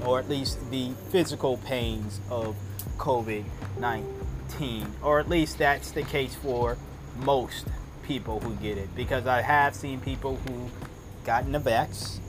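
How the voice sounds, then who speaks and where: Male podcast host, conversational and halting, mid-pitched voice, recorded outside among evening crickets. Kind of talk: casual solo podcast monologue. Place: outdoors. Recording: outdoor recording with background sound. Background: crickets at night-fall, outdoor ambience.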